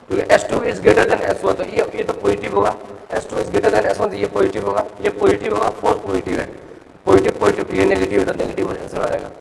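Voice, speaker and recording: Man, physics teacher, high gravelly voice, classroom lecture, long echo, faint background hiss. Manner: explains step by step, often asks the class questions.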